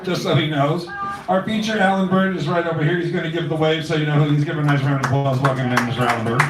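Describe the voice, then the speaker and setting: A man's voice: fairly high pitch, steady tone, quick pace, distant mic, heavy background noise. A man hosting a poetry open mic in a cafe, rambling through announcements with wry asides. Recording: echoey cafe room recorded from afar.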